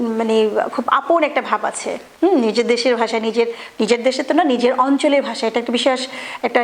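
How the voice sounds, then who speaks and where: High-voiced woman teaching a grammar lesson. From Bangladesh. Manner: explanatory, repeats and rephrases, frequent fillers.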